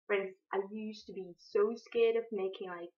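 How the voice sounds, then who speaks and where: A young Finnish woman with a Finnish accent talks unscripted to camera in a mid-range, steady voice at a moderate pace. She sounds hesitant, with lots of ums and restarts, and the recording is dull and lo-fi.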